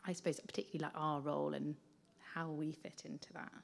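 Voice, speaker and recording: Woman, therapist, low voice, hedging, searching phrasing, audience question. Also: level tone, quick pace, creaky. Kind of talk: audience question at a professional event.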